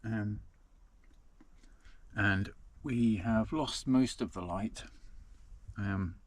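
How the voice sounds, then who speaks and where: A man's voice: on the low side, extremely slow. A man chatting casually to camera from inside a small parked van, rambling with lots of ums. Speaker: van-life vlogger.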